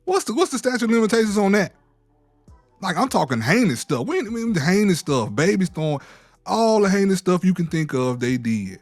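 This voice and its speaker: A man co-hosting a casual commentary show, talking in an animated, mocking, exasperated way. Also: sits high, brisk, no echo, faint music behind. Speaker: co-host.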